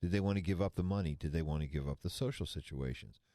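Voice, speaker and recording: A man in his sixties with a very deep, dark voice talks fast as co-host of a financial radio show. The studio-quality recording has no room sound, and his casual chat wanders into folksy, rambling asides.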